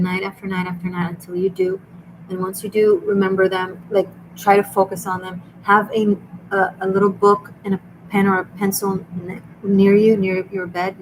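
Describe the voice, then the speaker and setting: A woman with an Israeli Hebrew accent and a medium-pitched voice hosts a live tarot and dream reading for viewers on a stream. She's earnest and chatty, often restarting her sentences, and there's background noise behind her.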